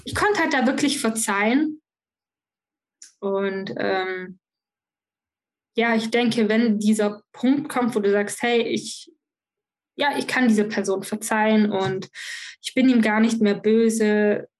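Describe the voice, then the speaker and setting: A woman's voice: fairly high pitch, slow pace, pauses often. Frank, emotional young woman storyteller. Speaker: podcast guest. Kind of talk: personal interview conversation.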